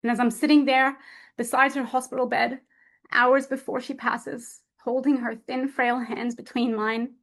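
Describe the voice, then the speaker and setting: A woman's voice: fairly high pitch, little pitch movement, a bit bright. Woman in her thirties giving a heartfelt speech. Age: 30s. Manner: heartfelt, dramatic pauses, storytelling. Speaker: public speaker. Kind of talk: emotional competition speech.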